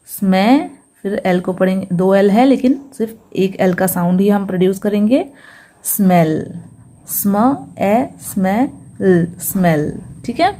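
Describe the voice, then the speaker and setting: A woman teaching English reading in a patient phonics lesson, slowly sounding out each syllable and checking in often. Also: mid-range voice, mellow.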